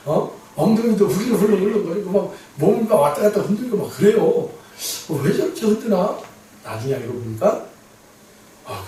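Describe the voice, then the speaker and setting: A middle-aged man preaches with a high, lively voice that swoops up and down as he tells his story. He repeats phrases for emphasis, and his voice rings through a large sanctuary, picked up from a distance. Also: slight background noise. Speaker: pastor. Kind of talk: sermon. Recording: echoey hall from far off.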